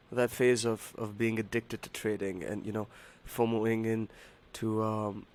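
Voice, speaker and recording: A man hosting a trading livestream, talking casually and haltingly to his viewers in a hoarse voice that sounds unwell. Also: mid-range voice. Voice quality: hoarse, strained voice. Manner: halting, repeats himself, addresses viewers as buddy and man. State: unwell, voice not as usual. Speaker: live trading stream host.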